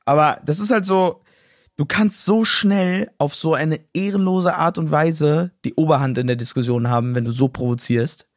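A young man co-hosting a podcast in casual chat, slangy and excitable, acting out quotes. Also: fairly high pitch, moderate pace, dry recording, clean studio sound. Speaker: podcast co-host.

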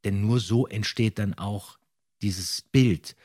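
A man's voice: on the low side, slow, darkish tone. A man, a former radio-play voice actor, reminiscing as a guest in a casual chat and sometimes acting out other speakers' lines.

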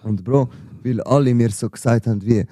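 A young man with a Swiss German accent tells a story in loose, slangy chat, calling his friend bro again and again. His voice is very dark and mellow. It sits dry and close on the mic. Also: medium pitch, fairly even intonation, a little fast, no room sound. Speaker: podcast guest, rapper. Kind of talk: casual chat.

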